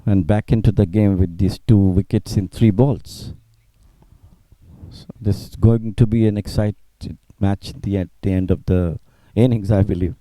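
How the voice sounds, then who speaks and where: A male cricket commentator offers expert analysis in a conversational way. His voice is lowish and very dark and soft-edged, recorded close and dry. He is agreeable and emphatic, with simple non-native phrasing. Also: fairly even intonation, normal speed, dry recording, poor audio.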